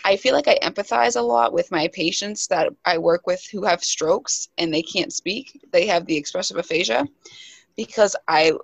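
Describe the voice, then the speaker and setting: A young woman in her twenties, a nurse, talks candidly and at length on a casual podcast, poking fun at herself. Her voice sits low with a gravelly fry. The audio is muffled and completely dry. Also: normal speed, no room sound. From New Hampshire. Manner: candid, rambling, self-deprecating. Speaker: nurse guest.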